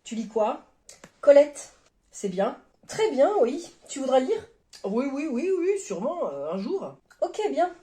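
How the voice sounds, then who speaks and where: A woman's voice: high voice, big pitch swings, unhurried, warm tone, echoey room. A woman acting out short comedy skits with playful banter, playing every part herself. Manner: playful, bantering, switches between characters. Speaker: comedy sketch creator.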